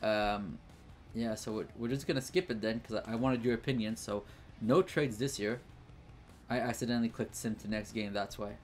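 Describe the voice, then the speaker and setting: A man's voice: on the low side, fairly even intonation, moderate pace, faint music behind. A man giving casual, think-aloud commentary over his gameplay, with frequent fillers and restarts. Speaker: gaming channel host.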